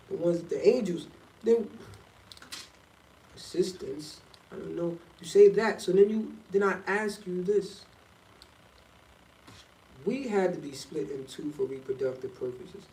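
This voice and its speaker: A man's voice: fairly high pitch, mellow. A man chatting casually and candidly to himself in a loose, rambling, slangy way, like a vlogger. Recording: distant mic in echoey, noisy room.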